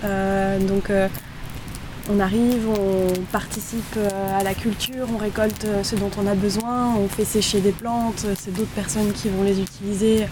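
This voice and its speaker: A woman's voice: mid-range voice, a little slow. Give me a hesitant woman interviewee, full of fillers and restarts, with heavy rain noise behind her. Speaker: interview guest. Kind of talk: casual interview chat. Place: inside a tipi by a fire in the rain. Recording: steady rain noise in background.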